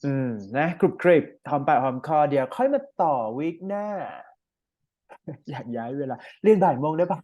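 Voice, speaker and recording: A young Thai man tutoring English one-on-one, explaining patiently and modeling slow, careful English reading. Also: a little high, lively intonation, mellow. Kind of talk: one-on-one online IELTS lesson.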